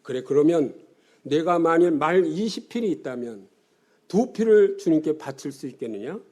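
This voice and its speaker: A man's voice: on the high side, expressive, normal speed, a little mellow. A man in his seventies acting out a friend who teases with pointed questions, in a sermon story. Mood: probing. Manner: teasing, questioning.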